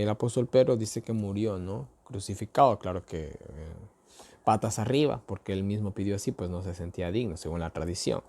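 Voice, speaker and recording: Mellow-voiced man teaching Bible study. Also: lowish voice, vocal fry. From Ecuador. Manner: frequent tag questions and filler words, hesitant restarts; conversational and explanatory, addressing listeners directly. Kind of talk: casual Bible study talk.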